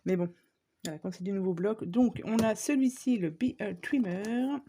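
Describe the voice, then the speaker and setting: Chatty woman with a mellow voice. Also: mid-range voice, normal speed, a little hiss or hum. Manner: chatty, many fillers, addresses viewers. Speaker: scrapbooking vlogger. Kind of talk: casual shopping haul show-and-tell.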